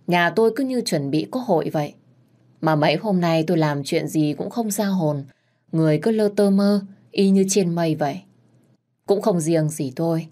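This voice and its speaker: A young woman tells a story in the first person. Her narration is expressive and lively, in a fairly low voice.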